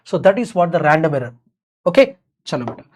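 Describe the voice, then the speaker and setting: A teacher with an Indian accent gives an exam revision lecture mixing English and Hindi, repeating key phrases and checking that learners are following. Her voice is low and darkish with a breathy edge, and she speaks fast and very animatedly.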